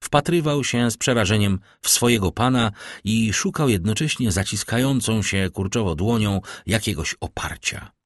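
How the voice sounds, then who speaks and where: A man narrating an audiobook in an expressive storytelling manner. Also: fairly low pitch, moderate pace, hardly any pauses, no echo, clean studio sound.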